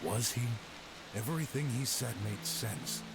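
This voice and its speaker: An actor playing a weary, earnest investigator hero in a dramatic video game. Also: male voice, medium pitch, lively intonation, a little slow, creaky, background noise. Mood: remorseful, reflective.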